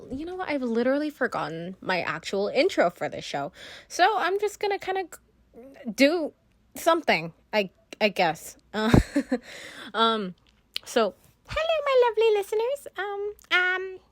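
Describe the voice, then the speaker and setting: Teen girl podcast host just rambling, lots of ums and little laughs, kinda high voice that jumps around a ton. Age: teens. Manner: rambling, filler-heavy, giggly, self-deprecating. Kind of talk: casual solo podcast chat.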